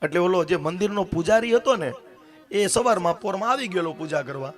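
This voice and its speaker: A man's voice: high-pitched, lively intonation, fairly quick. A man preaching a devotional story sermon, acting out the dialogue and speaking straight to his listeners. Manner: dramatic, acts out dialogue, addresses listeners directly. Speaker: katha storyteller.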